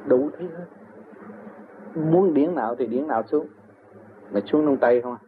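A man's voice: on the high side, unhurried. An older man with a Southern Vietnamese accent, telling long personal stories in an interview and chuckling often as he talks. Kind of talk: rambling personal storytelling. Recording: tinny phone-like recording with faint noise.

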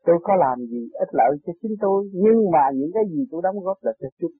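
Earnest high-voiced man, tinny tape. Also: fast, slightly rough, no echo, soft background music. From Vietnam. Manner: earnest, preachy, rising to excited storytelling. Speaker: spiritual teacher. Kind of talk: impassioned spiritual talk and personal story. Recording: tinny lo-fi tape recording, dry.

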